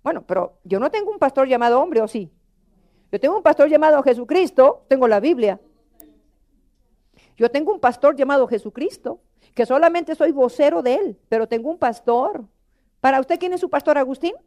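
Middle-aged lady preacher, high mellow voice, pleading and emotional sermon to the church. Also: animated, normal speed. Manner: emotional, pleading, addresses the congregation as brothers.

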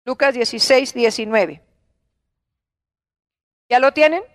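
A woman's voice: fairly high pitch, slow, no echo, studio quality. A woman with a Mexican Spanish accent preaching a Bible lesson to a class, fervent and scolding, full of rhetorical questions.

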